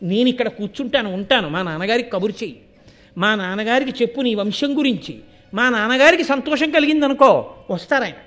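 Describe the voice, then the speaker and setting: A man's voice: very high-pitched, expressive, brisk, a bit bright. A man speaking the part of a young prince who firmly defers to his father, inside a religious story. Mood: earnest. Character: young prince, calm and firm about duty.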